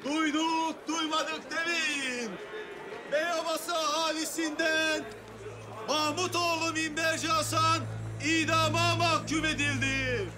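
A town crier in a historical drama, calls out proclamations in a very high, ringing sing-song. He drags every phrase out slowly and shouts it to the villagers. Loud music plays beneath him. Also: fairly even intonation, over a noisy crowd. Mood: solemn proclaiming.

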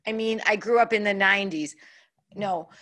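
A woman's voice: medium pitch, moderate pace, fairly bright tone. A woman hosting a live music night, gushing and bubbly, often correcting herself mid-sentence. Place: community cultural center stage.

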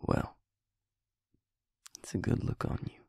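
In an intimate audio roleplay, a man plays an easygoing, teasing vampire with a Southern US accent and a dry drawl. His voice is natural and a little mellow, his pace slow, and the recording dry.

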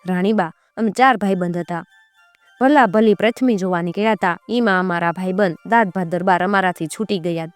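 A woman's voice: lowish voice, moderate pace, no echo, soft background music, close to an everyday voice. Scared young merchant boy begging in a folk tale, woman reading his lines, plain dry sound. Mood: pleading. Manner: pleading, then whispering to a friend. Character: frightened young merchant's son.

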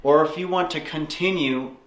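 A young ghost hunter speaks into the dark in a hushed, low tone, his voice sitting fairly high. The sound bounces around a bare, echoey room inside an old building. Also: normal speed. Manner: addresses spirits in a low, hushed tone. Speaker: paranormal investigator. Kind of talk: ghost-hunting vlog.

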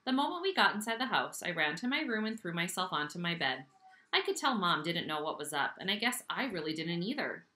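A woman reads a children's novel aloud with animated, expressive delivery. Her voice is bright and clear, and her pitch moves widely. The recording has the ring of an echoey room. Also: a little fast. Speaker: audiobook reader.

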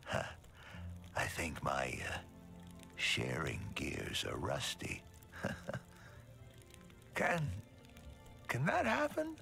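A gentle old man in a game, super deep and gravelly, slow and hushed, swings all over. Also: wildly swooping pitch, faint music behind, exaggerated voice. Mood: gently confiding. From Hungary. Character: gentle old bearded man, wistful and warm-hearted. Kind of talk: video game voice acting.

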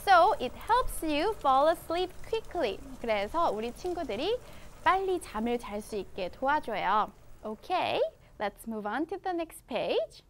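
A woman with a Korean accent teaching children English through a picture book, reading the English slowly and explaining each part in her own language. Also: high voice, very animated, a little hiss or hum. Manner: slow, exaggerated English read-aloud with quick explanations in her own language. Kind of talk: bilingual storybook lesson for children.

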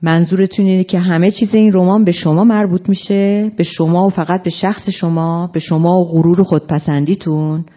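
A woman's voice: on the low side, fairly even intonation, hardly any pauses, close to an everyday voice. A woman reading a mocking male novelist. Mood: teasing. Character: mocking, self-assured male novelist teasing a friend. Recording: dull lo-fi recording.

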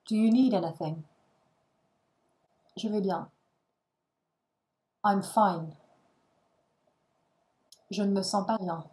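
Very slow woman reading lesson phrases. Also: mid-range voice, dark tone, low-quality recording. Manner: short isolated phrases, each followed by its translation. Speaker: language teacher.

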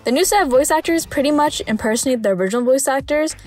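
Wryly humorous woman narrating over soft music. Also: sits high, animated, quick pace. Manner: dry, wry humour. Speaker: video essay narrator. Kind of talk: scripted commentary.

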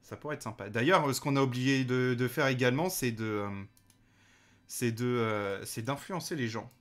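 A man's voice: medium pitch, moderate pace, a bit bright. A man hosting a let's play, chatting casually with lots of hesitations and fillers and addressing the game's characters directly. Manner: hesitant, many fillers, talks to game characters. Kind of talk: casual gameplay commentary.

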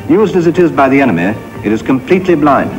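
A man's voice: on the high side, very animated, fast. A man announcing formally in an old newsreel recording, played from the archive. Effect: old newsreel recording played back. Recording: muffled lo-fi archival newsreel with music.

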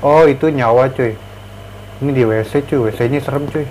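A man's voice: medium pitch, moderate pace, background noise. A young man gives casual, slangy commentary as a horror game streamer, jumpy and easily scared. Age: young adult.

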